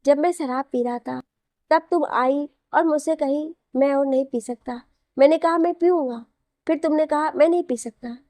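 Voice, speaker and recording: A woman's voice: high voice, normal speed, a little mellow, no room sound, close to an everyday voice. Woman voicing a pouty teasing young husband. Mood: whining. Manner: childlike whining, pouty.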